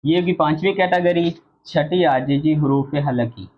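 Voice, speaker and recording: A man teaching an online Quran recitation lesson, slowly drilling letter sounds and repeating them for practice. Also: fairly high pitch. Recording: dull lo-fi audio.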